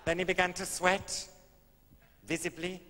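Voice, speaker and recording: A man, a cabaret comedian telling a comic story on stage with a dry, camp, deadpan delivery. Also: high-pitched, unhurried. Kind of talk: stand-up storytelling. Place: live stage venue. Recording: live hall recording from a video.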